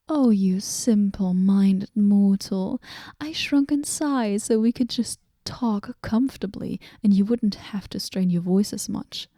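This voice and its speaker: A woman voicing a moody, aloof female goddess in a whispered role-play, talking with dry sarcasm and drifting into soft whispers. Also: medium pitch, slow, no echo.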